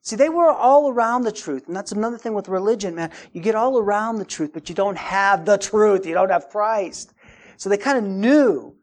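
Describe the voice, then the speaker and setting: A middle-aged man preaching a sermon, emphatic, his voice rising high and loud to stress points. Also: moderate pace. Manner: emphatic, rising in pitch and volume for stress, acts out quoted voices. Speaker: pastor.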